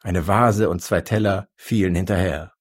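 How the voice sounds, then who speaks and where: A man reading a story aloud in a calm, measured narration. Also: sits low.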